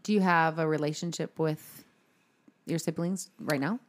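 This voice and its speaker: A woman with a deep, steady voice co-hosts a podcast at normal speed. She keeps things chatty and informal as she puts questions to a guest.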